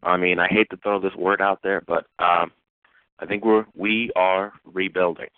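A man from Houston phones in to a radio show, his voice low and dry over a tinny call-in line. He talks at length in a sighing, rambling way about his team's troubles. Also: level tone, normal speed, no echo. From Houston, Texas. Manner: sighing, rambling fan lament. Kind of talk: casual call-in talk.

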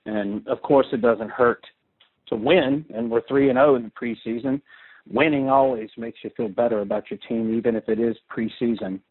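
Radio show caller, man from the US East Coast, excitable and rambling, mid-pitched voice over a thin phone line. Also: normal speed, slightly rough. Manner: fired-up, rambling, repeats words. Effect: call-in caller heard over a phone line. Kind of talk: fan call-in rant.

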